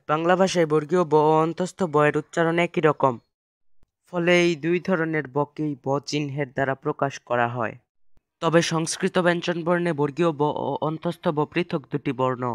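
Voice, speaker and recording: Measured man explaining pronunciation. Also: on the high side. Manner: measured, explains step by step, slows to model each word. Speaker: Sanskrit pronunciation teacher. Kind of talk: scripted instructional narration.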